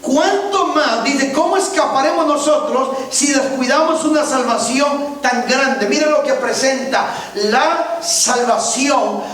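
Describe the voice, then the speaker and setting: A man's voice: very high-pitched, unhurried, a bit bright, faint music behind. A man preaching a sermon as pastor, often checking that the congregation follows him. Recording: very echoey church from far off.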